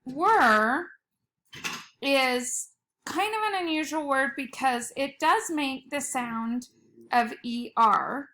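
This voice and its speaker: A woman's voice: sits high, animated, takes it slowly, a bit bright, a little hiss or hum. A woman teacher giving a recorded spelling lesson from home, patiently sounding out letters and words. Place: home at night.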